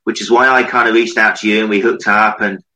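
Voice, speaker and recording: A man's voice: fairly low pitch, fairly even intonation, brisk, pushed and bright, low-quality recording. A man, casually hosting an online interview from home, talking informally to the viewers and his guest. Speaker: online show host. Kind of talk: casual interview and introduction to camera. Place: home office.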